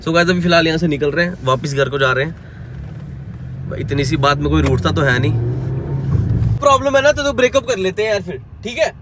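A man's voice: fairly high pitch, animated, fairly quick, pauses often. A young man in his twenties, vlogging casually from inside a car, coaxing and teasing his girlfriend and then growing exasperated. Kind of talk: casual vlog chat while driving. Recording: faint outdoor traffic noise. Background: car and street sounds.

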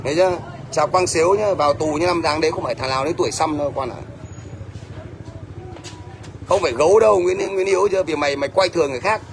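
Middle-aged northern vietnamese guy ranting on a livestream, scolding and blunt, slightly high voice, some faint noise. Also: fast, vocal fry, long pauses. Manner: blunt, scolding, repeats "thấy chưa?".

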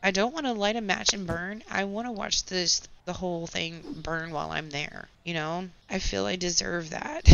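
A woman's voice: fairly low pitch, normal speed, vocal fry, clear, resonant tone. A woman hosting a gaming channel, telling a long, candid work story in casual talk over gameplay. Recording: slightly dull lo-fi audio.

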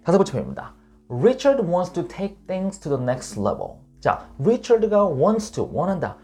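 A man teaching English online, his pitch rising and falling a great deal as he talks. He reads each English example slowly and then explains it patiently. Faint music plays behind him. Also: sing-song, mellow.

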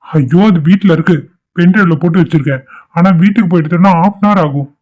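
A man's voice: high voice, a little fast, a little mellow. A man voicing a worried young office worker in a cartoon who fears his work is lost. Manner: distressed, fretful. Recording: dull lo-fi cartoon audio.

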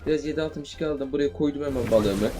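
Excitable young man narrating his gameplay fast. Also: mid-range voice. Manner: excitable, shouts and swears in fights, then calms down. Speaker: mobile game streamer. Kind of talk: live gameplay commentary. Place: indoors at home playing on a tablet. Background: game gunfire and music.

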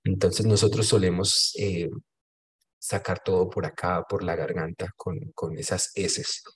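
A Colombian man leads a French lesson, his voice sitting low and steady. He explains each point in French and then repeats it in Spanish, patient and methodical. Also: measured pace. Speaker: French teacher. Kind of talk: online language class.

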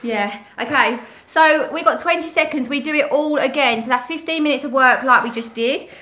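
A young British woman leads a home workout, her high, bright voice calling out reps with upbeat encouragement. She sounds far from the mic in a very echoey room, with a faint hiss underneath. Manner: upbeat, encouraging, quick to laugh. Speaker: fitness trainer. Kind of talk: live workout coaching.

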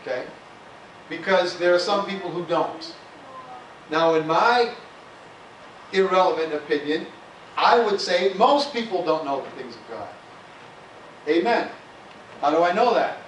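A man preaching in a church with a slightly high voice and a loose, conversational delivery, often punctuated with "amen" and "hallelujah." The sound is picked up from a distance in a roomy sanctuary, with a faint hiss underneath. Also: animated, measured pace, long pauses, fairly bright tone. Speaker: pastor. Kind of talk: sermon. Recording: echoey church room, voice from far off, faint hiss.

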